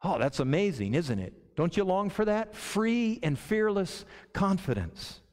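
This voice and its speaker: A man's voice: high-pitched, big pitch swings, measured pace, a little mellow. A middle-aged man preaching a sermon as pastor, earnest and restarting words as he builds each thought. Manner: earnest, repeats words when starting a thought. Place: church sanctuary. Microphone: lectern microphone. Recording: church hall reverb.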